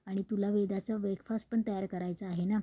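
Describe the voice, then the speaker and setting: A woman's voice: mid-range voice, fairly even intonation, quick pace, dark tone, slightly rough, dry recording, natural voice. A woman voicing a scheming middle-aged mother who talks with false sweetness.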